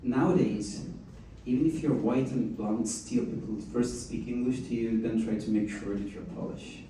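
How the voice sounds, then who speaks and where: A man with a lowish voice, speaking at normal speed, hosts a live meetup in an event room with an audience. He is animated and chatty, coaxing the crowd to join in. The recording is echoey and distant, with faint noise.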